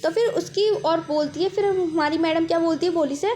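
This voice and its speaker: A woman's voice: very high voice, a little fast, a little mellow, faint music behind. A young woman teacher explaining a chapter summary patiently, acting out the characters' lines as she goes.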